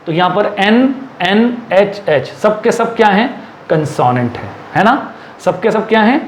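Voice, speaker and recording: This expressive, high-voiced male teacher switches between Hindi and English, going over each rule slowly and repeatedly while he writes. He raises questions only to answer them himself, and a faint hum can be heard in the echoing room.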